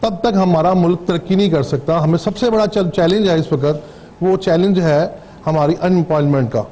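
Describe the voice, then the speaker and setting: A man's voice: a little high, a little fast, dark tone. A man with a Pakistani Urdu accent, a company CEO speaking as a guest in a TV studio interview, earnest and hesitant with fillers.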